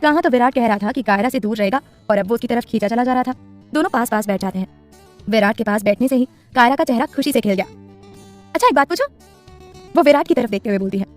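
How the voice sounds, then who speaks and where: Fast-paced woman storyteller over music. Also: fairly high pitch. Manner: reads with expressive dialogue voices. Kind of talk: scripted story narration.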